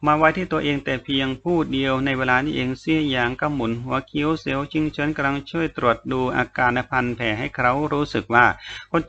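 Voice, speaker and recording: Gravelly, bright male novel narrator. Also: mid-range voice, highs cut off. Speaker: audiobook narrator.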